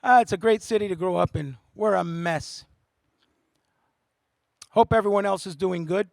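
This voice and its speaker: A man doing stand-up comedy, animated and quick to switch voices. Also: high-pitched, vocal fry, no room sound, clean studio sound. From Montreal, Canada. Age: 40s. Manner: animated, jumps between voices and languages. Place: theatre studio.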